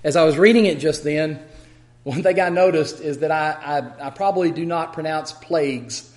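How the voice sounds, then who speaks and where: A man with a West Texas accent teaching the Bible in an expository style, measured and emphatic. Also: a little high.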